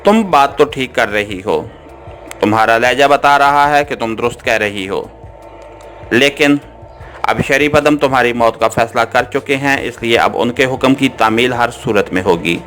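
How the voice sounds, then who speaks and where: A man voicing an armed male cult guard in an audiobook, speaking in a harsh, flat tone over soft background music. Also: medium pitch, moderate pace, lightly acted. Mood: measured. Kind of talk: audiobook character reading.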